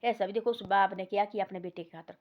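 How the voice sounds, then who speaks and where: A woman's voice: mid-range voice, steady tone, quick pace. A woman telling a moral village story in a rambling, folksy way, full of repeats and restarts. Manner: rambling, repetitive, folksy retelling with many restarts. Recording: dull lo-fi recording.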